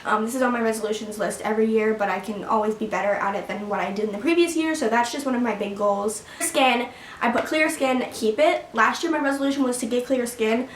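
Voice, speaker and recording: She's a seventeen-year-old vlogger talking fast in a fairly high voice, sitting down for a casual chat with her viewers at home. Her rambling is peppered with fillers and little laughs. The mic sits back in an echoey room, so there's a touch of hiss or hum.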